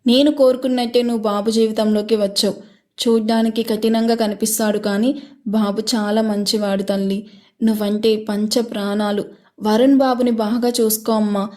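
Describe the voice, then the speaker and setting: A woman voicing an elderly, motherly nanny who speaks gently and soothingly in a narrated story. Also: fairly high pitch, little pitch movement, normal speed, close to an everyday voice. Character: elderly woman, the family's warm old nanny.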